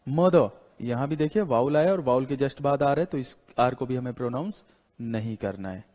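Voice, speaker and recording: A male teacher giving a classroom lecture. He explains slowly, repeats his points and keeps asking "got it?", mixing English words into Hindi. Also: medium pitch, dark tone. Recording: long hall reverb.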